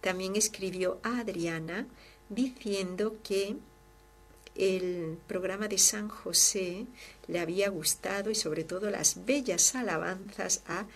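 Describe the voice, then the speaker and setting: Fervent nun on a devotional program. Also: female voice, mid-range voice, slow pace. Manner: fervent, expressive, swings from loud to hushed. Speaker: religious sister hosting a devotional program. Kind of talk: devotional talk and reading listener letters.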